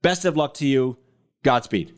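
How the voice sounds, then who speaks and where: A man's voice: mid-range voice, lively intonation, moderate pace. A man hosts a podcast and closes out a conversation with his guest. He sounds upbeat and playful, with an ordinary mid-range voice. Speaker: podcast host. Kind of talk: casual interview talk.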